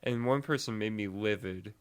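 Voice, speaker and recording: A man's voice: on the low side, moderate pace, smooth. A young man co-hosting a podcast, chatting casually in a rambling way with lots of fillers and swearing. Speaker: podcast co-host. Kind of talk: casual chat.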